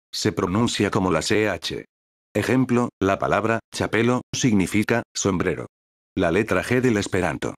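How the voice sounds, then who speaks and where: A male text-to-speech voice reading a scripted educational narration in an even, synthetic cadence. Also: sits low, no room sound, studio quality.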